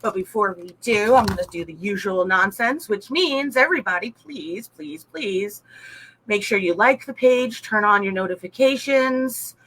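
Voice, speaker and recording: A woman's voice: medium pitch, normal speed, a bit bright, rough recording. A woman co-hosting a talk show, chatting playfully and laughing often. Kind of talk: casual talk show chat.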